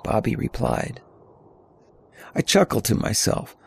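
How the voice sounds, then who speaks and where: Gravelly older man reading a story. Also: lowish voice, takes it slowly. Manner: calm, descriptive storytelling. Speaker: narrator. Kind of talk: scripted audiobook narration.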